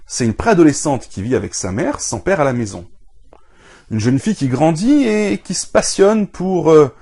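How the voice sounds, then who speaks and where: A man's voice: medium pitch, a little mellow, breathy edge. A man presenting a scripted comic book review show, giving enthusiastic recommendations.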